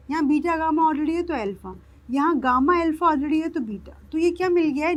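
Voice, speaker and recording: A woman with a high voice teaches maths in a lecture, working through each step slowly and carefully. She keeps checking whether the class has understood. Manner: explains step by step, often checks whether students have understood.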